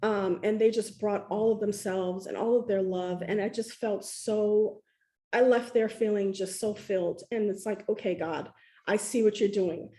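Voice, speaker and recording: A woman's voice: medium pitch, steady tone, normal speed, dark tone. A woman telling her story over a video call in an effusive, emotional way, with many fillers. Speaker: guest sharing her story. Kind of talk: casual video-call chat.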